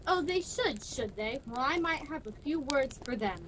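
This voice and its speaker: Woman acting an anxious high-voiced old miserly lady. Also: lively intonation, moderate pace, a bit bright, a little hiss or hum. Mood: indignant. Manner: pleading, indignant, dramatic. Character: old miserly woman Scrooge, fearful and huffy. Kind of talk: radio play acting. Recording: music behind, home video-call recording.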